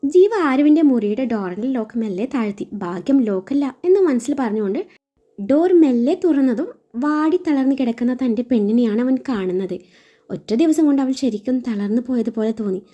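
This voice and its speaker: A woman storyteller reading a romance story aloud in a soft, even narrating voice. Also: a little high, a little fast. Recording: slightly dull audio, faint music.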